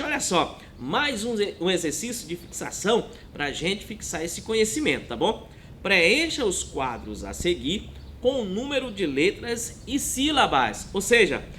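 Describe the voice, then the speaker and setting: A man giving a recorded lesson, speaking slowly and checking in with his listeners after almost every phrase. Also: fairly bright tone. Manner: slow, drawn-out, checks in with "né?" and "tá bom?". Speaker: teacher. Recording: faint rumbling noise.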